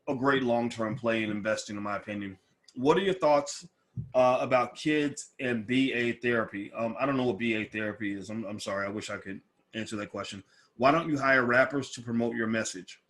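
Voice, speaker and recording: A man's voice: mid-range voice, fairly bright tone. A man hosting a casual live question-and-answer stream, blunt and opinionated with some swearing, his speech slightly impeded as if by something in his mouth. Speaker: livestream host. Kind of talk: casual livestream Q&A.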